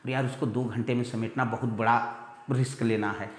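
A male teacher giving an online grammar lesson. He fires repeated questions at his students, calls them "beta", and slows right down to spell out each example sentence. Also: medium pitch, level tone. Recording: very echoey room with long reverb.

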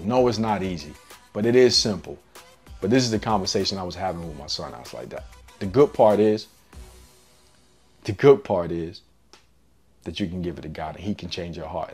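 A man's voice: low voice, darkish tone. A man giving a casual, earnest devotional sermon in a conversational, slangy way.

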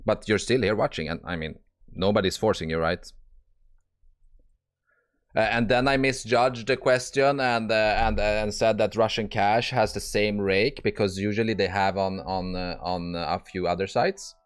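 A man's voice: on the low side, fairly even intonation, moderate pace, clear, resonant tone. A man commentating live as he plays online poker, blunt and exasperated, swearing and restarting his sentences often. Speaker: poker streamer.

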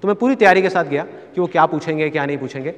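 A man telling a personal story to a live seminar audience, animated and acting out his family members' voices. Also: a little high, very fast. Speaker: motivational speaker. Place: stage in a hall with a live audience. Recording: long hall reverb.

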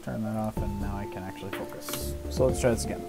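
A man's voice: on the low side, steady tone, fast talker, creaky. A young man giving casual, sweary live commentary as he streams a game, often muttering to himself. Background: video game music.

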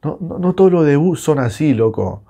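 A Uruguayan man with a Rioplatense accent, reacting live to a football match with excitable, swearing rants. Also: a little high, moderate pace, gravelly. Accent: Rioplatense Spanish. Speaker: football fan reacting on his channel.

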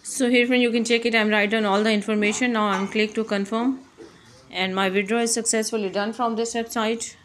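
A woman's voice: a little high, fairly even intonation, fairly quick. A woman hosting her channel, walking viewers through a website step by step in non-native English, calling them friend again and again. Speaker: YouTube channel host. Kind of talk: screen-recorded tutorial walkthrough. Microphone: voice-over on phone screen recording.

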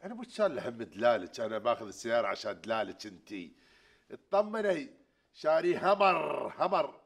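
A man playing the boastful comic lead of a sitcom, quick to rant. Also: mid-range voice, big pitch swings, vocal fry, slightly rough. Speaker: comedy lead. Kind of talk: sitcom acting.

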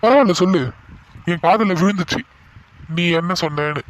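A man's voice: high-pitched, moderate pace, lightly acted. A man playing a teasing young cartoon husband. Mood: mock-stern. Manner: teasing, coaxing. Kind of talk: animated cartoon voice acting.

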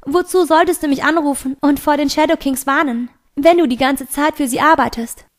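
A desperate teenage girl pleads in a raised, urgent voice, as a woman reading a storybook aloud puts her on. The voice sits fairly high and insistent, begging to be heard. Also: brisk, close to an everyday voice. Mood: pleading, urgent.

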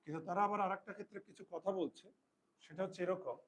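High-voiced male teacher dictating rules. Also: a bit bright, slight background noise, rough recording. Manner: slow dictation, repeating rules for students; asks students checking questions. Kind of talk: Bengali grammar lesson.

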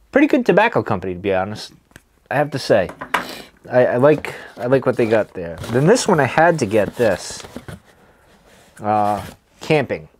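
A man speaks casually in a medium-pitched voice, like a reviewer talking to his regular viewers. His delivery is laid-back and hesitant. Phrases often trail off as he pauses to puff on a cigar. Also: a little mellow. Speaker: cigar and pipe tobacco reviewer. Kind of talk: casual chat to camera. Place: small wood-paneled room, indoors.

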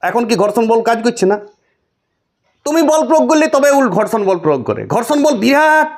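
A male teacher lecturing on physics problems, asking his students questions and answering them himself. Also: very high voice. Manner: explains with rhetorical questions to students. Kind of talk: classroom lecture.

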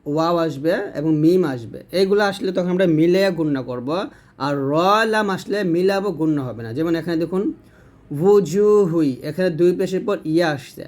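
A man with a fairly high voice teaches Quran recitation rules in a clear, patient lesson. He explains each rule plainly, then recites examples slowly and with long drawn-out sounds. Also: darkish tone. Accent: Bangladeshi Bengali.

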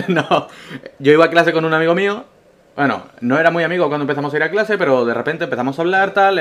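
A man from Spain, a gaming YouTuber, answering viewer questions in a casual vlog with absurd jokes and a Spanish accent. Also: fairly high pitch. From Castellón, Spain. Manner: joking, absurd humor, swings between loud bursts and mumbled asides.

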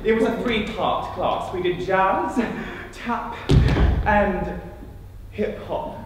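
A teen actor playing a gushing, overemotional suitor. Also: male voice, sits high, slow. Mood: rueful. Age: late teens. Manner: theatrical, swings between tearful and giddy. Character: gushing, overemotional young man courting a woman. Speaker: student actor. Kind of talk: stage monologue. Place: theatre stage. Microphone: distant room mic. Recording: echoey hall, far off, noisy.

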